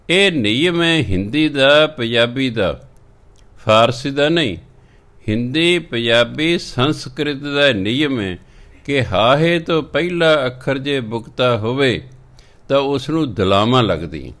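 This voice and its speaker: Man slowly chanting and explaining scripture. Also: mid-range voice, fairly bright tone. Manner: explains word by word, slowing to chant verses; tells anecdotes with acted quotes. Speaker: Sikh preacher giving scripture exposition. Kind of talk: religious discourse, katha.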